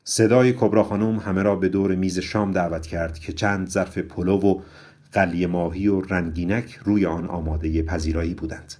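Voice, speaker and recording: A man reading a story aloud in an even, measured narrating voice. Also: deep voice.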